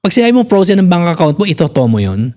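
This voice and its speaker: Blunt, swearing Filipino man, lively pitch. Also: fast. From Philippines. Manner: blunt, swears freely, mixes in English. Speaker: physical therapist guest. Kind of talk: casual podcast conversation.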